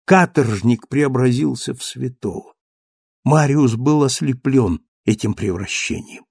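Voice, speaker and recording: A man narrating a classic novel as an audiobook with steady, measured delivery. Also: mid-range voice, gravelly, breathy edge, dry recording, clean studio sound.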